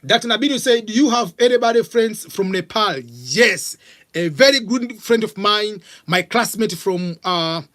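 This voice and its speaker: A middle-aged Tanzanian man with a Tanzanian accent hosts a live vlog, answering viewer questions in a casual Q&A chat. His delivery is halting and packed with fillers, and his high voice carries lively intonation and a fairly bright tone.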